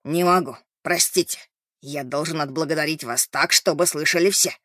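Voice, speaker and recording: A man voicing a drunk, overexcited former restaurateur in an audiobook, loud and exclamatory. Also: on the high side, normal speed, dry recording, clean studio sound. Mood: drunk elation. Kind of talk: audiobook character reading.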